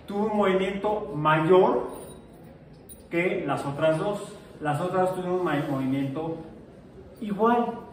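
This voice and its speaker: His voice is high, his pace slow, and he pauses often while joking through a physics lecture and questioning students. Captured from a distance in an echoey room, the audio carries a faint hiss or hum.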